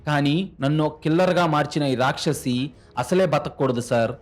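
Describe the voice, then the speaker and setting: A man's voice: fairly high pitch, moderate pace, close to an everyday voice. A man voicing a betrayed young adopted son who speaks bitterly and mockingly, in a narrated crime story.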